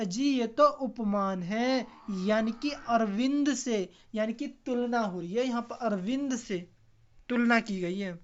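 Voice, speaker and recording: A man's voice: very high voice, smooth. A man teaching an online exam practice lesson, asking viewers questions and answering them himself. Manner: quizzes viewers, repeats and answers own questions. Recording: dull lo-fi recording.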